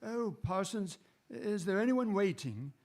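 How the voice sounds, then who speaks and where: Gentleman doctor for radio drama, male actor: high-pitched for a man, formal, brisk, a little curt. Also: lively intonation. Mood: brisk, firm. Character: brusque, busy male London doctor, Doctor Watson. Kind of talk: radio drama acting with scripted narration.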